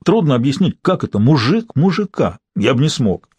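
A man's voice: mid-range voice, sing-song, normal speed, darkish tone, slightly rough, no echo, voice pushed up. A man reading the part of a blunt, tactless middle-aged man with a coarse, needling manner. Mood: smug.

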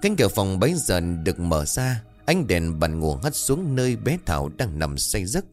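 A man narrating a horror story in a dramatic, expressive way. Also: deep voice, normal speed, faint music behind.

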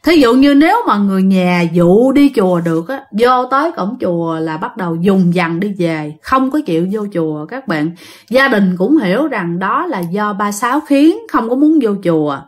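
A woman's voice: mid-range voice, lively intonation, moderate pace. A woman with a Southern Vietnamese accent telling a ghost story in a chatty way, addressing her listeners directly. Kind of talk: casual ghost-story narration.

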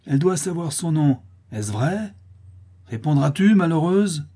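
Guy doing spiteful widow, harsh and accusing, dark husky voice. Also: medium pitch, fairly quick, pitched above the performer's own voice, natural voice. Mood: vindictive. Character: spiteful vengeful widow milkmaid.

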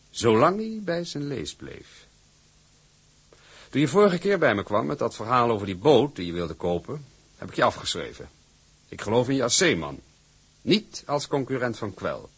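An older actor gives a full character voice as a shrewd, imperious company boss in a drama, gravelly and husky yet mid-range and fairly bright in tone. His manner is deliberate and patronising.

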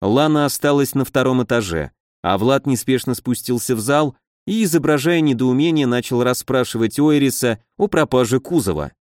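A man reading a first-person fantasy audiobook in an even storytelling manner. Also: mid-range voice, normal speed, few pauses, no echo, studio quality. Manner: even storytelling, voices characters. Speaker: audiobook narrator.

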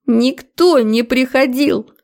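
A woman's voice: fairly even intonation, moderate pace, vocal fry, darkish tone. A woman reading an audiobook, voicing a hysterical, clingy young woman who pleads and sobs. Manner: shrill, tearful pleading. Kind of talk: audiobook character voice.

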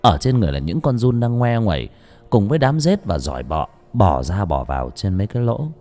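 A man narrating a horror audiobook in a dramatic, expressive way. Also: lowish voice, fairly quick, soft background music.

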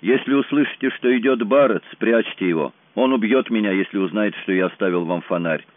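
A man voicing a nervous, grim male kidnapper in a thriller audiobook, speaking in a low, weary, resigned way. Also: fairly quick, no echo, lightly acted. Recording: dry, tinny phone-like sound.

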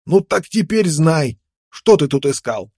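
A man's voice: a little high, very animated, unhurried, mellow, no room sound, studio quality, voice pushed up, heavily acted. A man voicing a snarling young frontiersman. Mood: threatening. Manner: snarling, contemptuous, threatening. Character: menacing young red-haired frontiersman with knife.

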